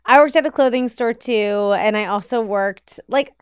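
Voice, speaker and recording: A woman's voice: on the high side, normal speed, clear, resonant tone, no echo, clean studio sound. A woman hosting a podcast, reacting with enthusiastic interjections in casual chat. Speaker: podcast host.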